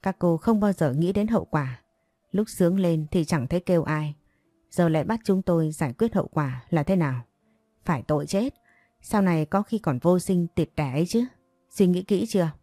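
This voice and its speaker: A woman's voice: lowish voice, normal speed, mellow, no room sound, lightly acted. A woman voicing a contemptuous older woman doctor who lectures scornfully.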